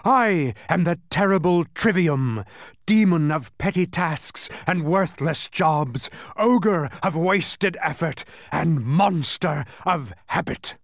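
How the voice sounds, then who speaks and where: Villainous demon played by a male reader: oily, falsely soothing, theatrical, very animated pitch, dry close sound. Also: breathy edge, no room sound. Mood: shrieking triumph. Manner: theatrical, drawn-out, sneering.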